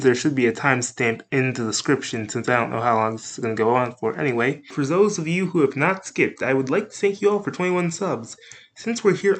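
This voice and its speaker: A man hosting a casual anime review video, rambling, jokey and correcting himself as he goes. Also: mid-range voice. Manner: animated, up-and-down delivery. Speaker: anime reviewer, channel host.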